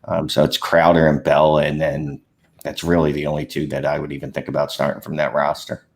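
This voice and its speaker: Very deep-voiced man. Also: completely flat delivery, a little fast. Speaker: podcast panelist. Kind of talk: casual sports chat.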